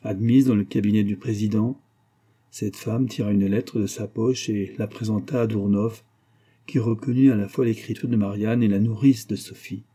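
Husky male audiobook reader. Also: on the low side. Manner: measured, steady literary narration. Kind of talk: reading a classic novel aloud.

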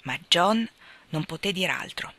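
A woman reading a classic novel aloud as an audiobook, with expressive, measured storytelling. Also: fairly low pitch, no room sound. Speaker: reader.

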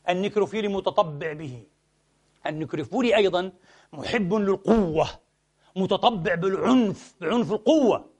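A man delivering a Friday sermon, putting rhetorical questions to his congregation and moving between quick asides and slow, emphatic lines. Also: sits high. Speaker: preacher.

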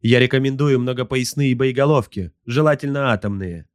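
A man's voice: medium pitch, brisk, clear, resonant tone, dry recording, clean studio sound, pitched above the performer's own voice, close to an everyday voice. A man voicing a dutiful male lookout slave aboard a warship in an audiobook, reporting formally. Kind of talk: audiobook character voice.

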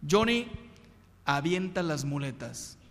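Priest putting on a flashy faith healer, high pitched, showy, big reverby hall. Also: male voice, sing-song, slow, heavily acted. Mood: proclaiming. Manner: theatrical, proclaiming.

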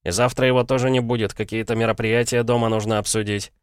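A man voicing an eager, nervous shop boy of about sixteen who chatters quickly and anxiously. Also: medium pitch, little pitch movement, clear, resonant tone, dry recording, studio quality, voice pushed up, close to an everyday voice. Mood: apologetic.

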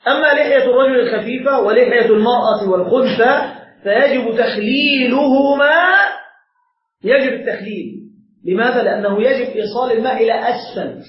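A sheikh with a very high male voice teaches a religious lesson, explaining a text step by step and quizzing the students seated before him. The lesson room is echoey, the sound dull and lo-fi, with slight background noise.

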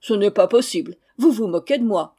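A woman's voice: medium pitch, lively intonation, a little fast, dark tone, lightly acted. A woman reading aloud and voicing an older lord of the manor who sounds doubtful and mildly annoyed.

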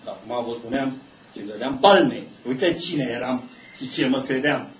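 A man preaching a sermon, telling stories about himself with animated, self-mocking humor. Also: mid-range voice, crowd noise. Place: church meeting room. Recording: echoey church hall, dull lo-fi sound.

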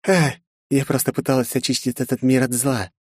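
A man's voice: mid-range voice, fairly even intonation, fairly quick, husky, dry recording, studio quality, voice pushed up, lightly acted. A man voicing a cruel, mocking female villain in an audiobook, taunting and giggling between spiteful lines.

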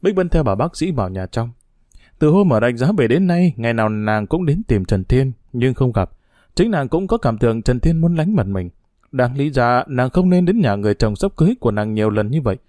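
A man narrating a novel in a steady storytelling reading. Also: mid-range voice, fairly quick, dry recording, clean studio sound. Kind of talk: scripted audiobook narration.

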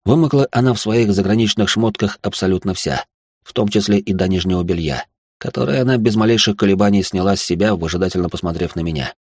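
Low-voiced man reading an audiobook. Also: fast talker, darkish tone, slightly rough, no room sound, clean studio sound. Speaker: audiobook narrator. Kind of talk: first-person audiobook narration.

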